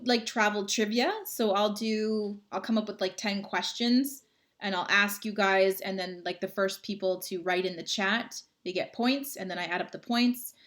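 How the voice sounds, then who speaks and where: This livestream host talks to viewers from indoors at home, reading their comments aloud and rambling along in a chatty, friendly manner. She has a mid-range voice with a fairly bright tone.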